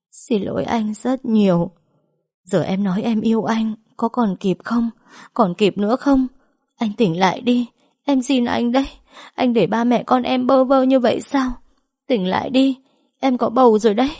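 A woman's voice: a little high, moderate pace, darkish tone, no echo, studio quality, voice pushed up. A woman voicing a young wife who pleads through choked tears. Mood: tearful pleading.

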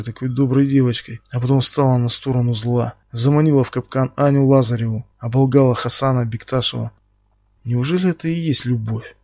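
A man voicing a menacing male captor who speaks slowly and quietly, taunting his victim. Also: mid-range voice, no echo, studio quality, close to an everyday voice. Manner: slow, quiet, taunting, bursts into shouting.

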